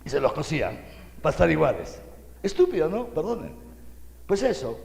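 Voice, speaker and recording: An older man from Peru, a bishop, giving an animated, folksy sermon full of rhetorical asides to his listeners. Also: on the high side, normal speed, vocal fry, in a large hall, a little hiss or hum.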